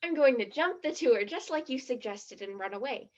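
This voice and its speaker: A woman performs an eager teenage girl in a one-act play, high-voiced and gushingly dramatic, sounding excited and impulsive. Her intonation is lively and her pace moderate. The recording is a touch muffled and lo-fi.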